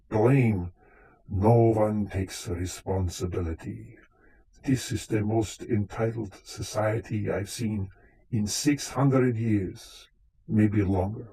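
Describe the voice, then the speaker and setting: Man playing husky, theatrical vampire Count Dracula. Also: lowish voice, takes it slowly, warm tone, exaggerated voice, poor audio. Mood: scolding. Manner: theatrical, dryly boastful, formal phrasing. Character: vain, touchy centuries-old Count Dracula, talk show guest. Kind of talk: comic live radio theater acting.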